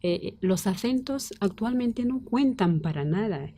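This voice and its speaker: A woman teacher weighing her words in a studio debate, pausing often with filled pauses as she builds her point. Her voice sits at an ordinary pitch for a woman. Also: expressive, dark tone, slightly rough, no room sound. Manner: hesitant, many filled pauses. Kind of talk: roundtable debate.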